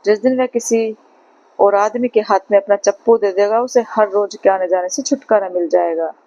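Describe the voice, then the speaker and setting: A woman voicing a gruff, short-tempered male demon woken from sleep in a storybook tale, on a slightly muffled recording. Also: medium pitch, normal speed, warm tone, close to an everyday voice. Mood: grumpy.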